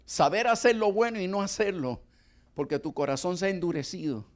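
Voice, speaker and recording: A middle-aged man preaches with a voice that climbs high and swoops widely. He acts out little conversations with God and with his wife. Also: lively intonation, a little fast. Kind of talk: sermon.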